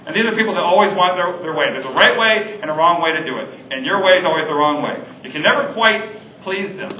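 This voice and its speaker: Bright-voiced preacher man in an echoey hall. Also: high-pitched, lively intonation, fast talker, slight background noise. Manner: earnest, conversational preaching with fillers. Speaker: pastor. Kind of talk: sermon. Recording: echoey room, mic at a distance.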